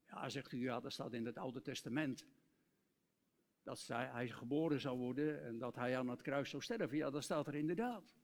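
A male preacher giving an earnest sermon, reciting hymn lyrics and dropping to soft, tender tones. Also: mid-range voice, moderate pace.

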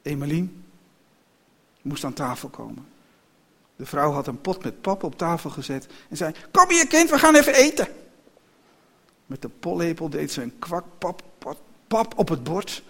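Male storyteller, slightly high voice, expressive read-aloud of a children's tale. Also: moderate pace, vocal fry, breathy edge.

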